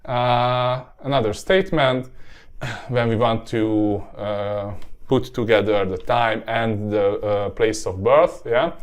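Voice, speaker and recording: Male teacher, lowish voice, relaxed lesson pace, filler-heavy. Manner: relaxed, lots of fillers and tag "yeah?". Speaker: Hungarian language teacher. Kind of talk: language lesson.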